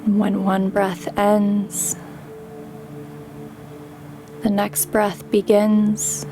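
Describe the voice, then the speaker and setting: A woman who works as a meditation guide and yoga teacher leads a guided meditation, giving calm, gentle instructions with pauses between phrases. Her voice is medium-pitched, and music plays in the background.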